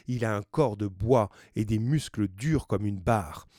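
A man's voice: on the low side, a little slow, warm tone, no room sound, studio quality, lightly acted. A man reading the part of a blunt, protective Breton sailor, speaking in emphatic warnings.

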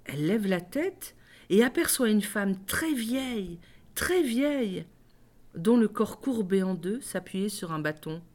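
Woman reading a fairy tale aloud. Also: mid-range voice. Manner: measured, expressive reading. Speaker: reader. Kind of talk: storybook narration. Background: faint music.

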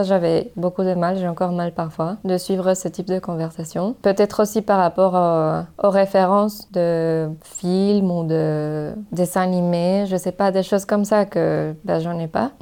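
Soft-spoken woman with a Mexican Spanish accent. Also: on the low side, smooth. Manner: thoughtful, hesitant, many fillers and restarts. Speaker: interviewee. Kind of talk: casual interview talk.

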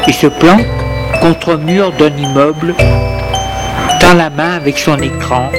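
Male narrator, slow halting delivery, fairly high voice, echoey room, music underneath. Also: fairly even intonation. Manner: measured, halting phrasing. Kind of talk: slow dramatic storytelling.

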